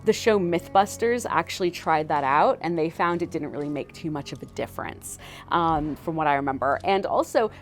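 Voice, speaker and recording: A woman historian explaining as a guest in a casual way, full of "like" and "you know". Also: on the low side. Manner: chatty, filler-heavy with frequent 'like, you know'.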